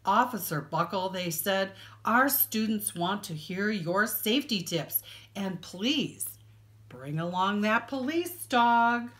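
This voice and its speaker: A woman's mid-range voice carries a picture book reading for children, delivered librarian-style with expressive storytelling. Key words get dramatic, deliberate emphasis.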